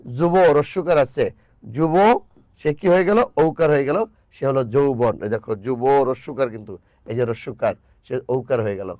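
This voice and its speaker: A man's voice: medium pitch, moderate pace, a little mellow, no room sound. A male grammar teacher explaining rules, repeating each point and addressing the student directly, sometimes correcting himself mid-sentence.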